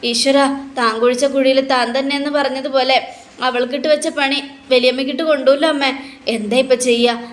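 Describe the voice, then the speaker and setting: A woman's voice: high voice, steady tone, fairly quick, natural voice. A woman voicing a scheming young woman who sounds defensive and anxious.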